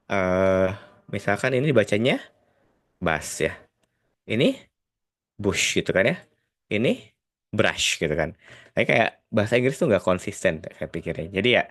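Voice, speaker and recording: A man with a Sundanese accent and a very deep, low voice gives a relaxed tutoring lesson to the camera. He talks in a loose, chatty way, hesitates often, tacks tag words onto his sentences and slips English phrases in between. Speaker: IELTS tutor. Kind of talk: casual video lesson.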